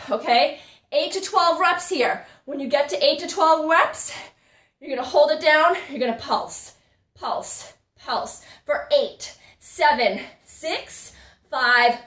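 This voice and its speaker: A woman's voice: high voice, fairly bright tone. A woman fitness instructor leading a live-streamed workout, a little out of breath, upbeat and chatting with her viewers. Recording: echoey room, voice from a distance.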